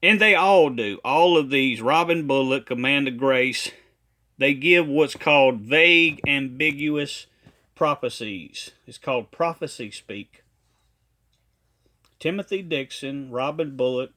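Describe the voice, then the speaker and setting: A man from a ministry giving a critical commentary monologue, talking emphatically and deliberately and repeating his points. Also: medium pitch, bright, forceful tone.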